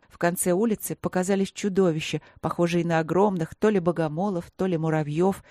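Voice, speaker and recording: Mellow woman narrating an audiobook. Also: fairly low pitch, steady tone, dry recording, clean studio sound. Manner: measured storytelling. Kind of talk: scripted narration.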